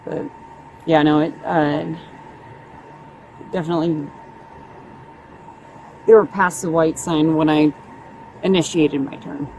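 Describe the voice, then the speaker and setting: At a roadside, a woman being questioned by police gives an officer a casual account, halting and hedging until her words trail off. Her voice sits low, steady, and somewhat dark. The noisy audio comes from a body camera worn by someone else, with traffic and vehicle sounds around.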